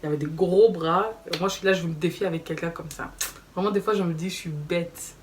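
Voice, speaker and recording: A young woman telling a story in a casual vlog, animated and slangy, acting out quoted dialogue. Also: on the low side, a little fast. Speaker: vlogger. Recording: slightly distant mic with faint background noise.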